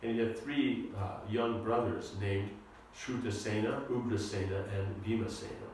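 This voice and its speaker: A man teaching a seminar on scripture, talking in a halting, informal way and often repeating his words. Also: lowish voice, steady tone, a little mellow, a little hiss or hum. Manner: halting, repeats words, asks the audience to follow. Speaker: spiritual teacher giving a seminar lecture. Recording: echoey room, recorded from a distance.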